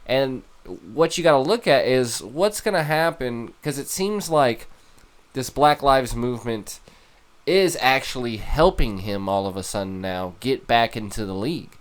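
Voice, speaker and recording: A man co-hosting a laid-back podcast talks football with firm opinions. His voice is smooth and clear, and he stacks one question on another as he thinks aloud. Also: mid-range voice, animated, unhurried. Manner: opinionated, asks many questions. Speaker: podcast co-host. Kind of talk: casual chat.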